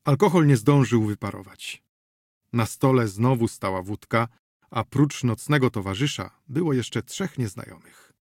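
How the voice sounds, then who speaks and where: A man narrating an audiobook in a steady reading voice. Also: medium pitch, normal speed, no room sound, studio quality.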